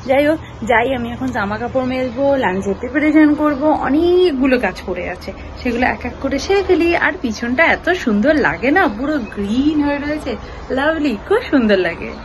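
A woman's voice: sits high, lively intonation, moderate pace, slight background noise. Chatty woman vlogging at home. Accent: Bengali. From India. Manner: chatty, talks to viewers while doing chores. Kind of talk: casual vlog chat. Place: home, balcony and kitchen, after a walk.

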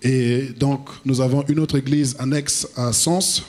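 Man in his forties, from the Republic of the Congo, preacher, handheld mic, measured phrases for an interpreter. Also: medium pitch, fairly even intonation, a little mellow. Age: 40s. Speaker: apostle, guest preacher. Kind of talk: sermon with interpreter. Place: church hall.

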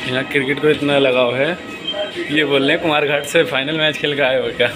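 A man's voice: medium pitch, little pitch movement, fairly quick, music in the background. A young man casually vlogging, chatting and laughing with friends, first by a road and then inside an airport terminal. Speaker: travel vlogger. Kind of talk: casual travel vlog.

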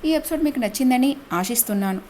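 A woman narrating an audiobook-style story with a steady, expressive reading. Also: sits high, quick pace, slight background noise.

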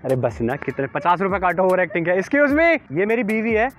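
A young man hosting a street prank, talking in loud, teasing and playful banter outdoors. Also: high-pitched, animated, brisk, dull audio. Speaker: prankster host. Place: outdoors in a park.

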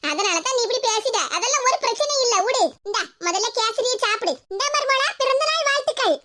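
Woman voicing a doting high-voiced mother-in-law. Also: animated, quick pace, pushed and bright, a little hiss or hum, full character voice. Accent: Tirunelveli Tamil. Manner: sweet, fussing, chuckling. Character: affectionate older mother-in-law, doting and cheerful. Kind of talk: cartoon voice acting.

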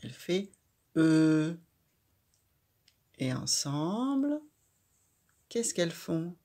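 A woman teaching a child to read, speaking slowly and clearly and saying each syllable loudly. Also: low voice, animated. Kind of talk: children's reading lesson.

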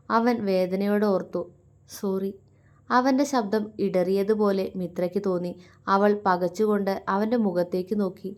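A woman storyteller reading a romance story aloud in an emotive, measured way. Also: mid-range voice, darkish tone. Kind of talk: scripted narration of a romance story.

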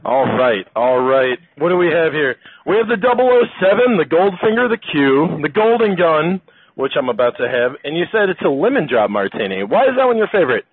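Young male host, playful chat voice, slightly high, lo-fi tinny recording. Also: sing-song, brisk, slightly rough. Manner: playful, upbeat, joking. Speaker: show host. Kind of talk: casual interview. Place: bar in a restaurant. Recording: tinny phone-like sound, faint hiss.

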